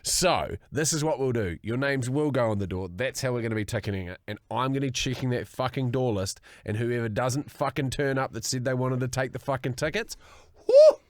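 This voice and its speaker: A man's voice: mid-range voice, fairly quick, hardly any pauses, no echo, studio quality. A man with a broad New Zealand accent bantering casually as a podcast co-host, slangy, sweary and joking.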